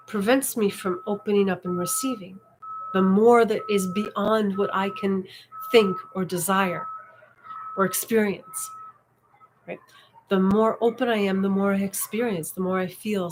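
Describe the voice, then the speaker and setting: A woman gives a reflective spiritual lesson at a medium pitch, pacing her words slowly and pausing often. She talks the listener through breathing in a calm, contemplative way. A faint bed of ambient noise sits under her voice in the room. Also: low-quality recording. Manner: unhurried and contemplative, guiding breathing pauses. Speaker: meditation and Taoism teacher. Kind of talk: reflective spoken teaching. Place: indoor room.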